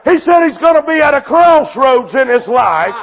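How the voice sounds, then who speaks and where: High-voiced shouting male preacher. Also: sing-song, normal speed, lo-fi sound, some chatter behind. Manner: impassioned, often shouting, repetitive preaching cadence. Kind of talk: sermon.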